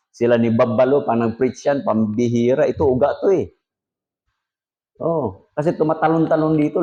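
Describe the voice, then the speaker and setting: A Filipino man in his fifties, a pastor giving a conversational sermon at a prayer meeting, dropping to soft asides and then rising for emphasis. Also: medium pitch, highs cut off.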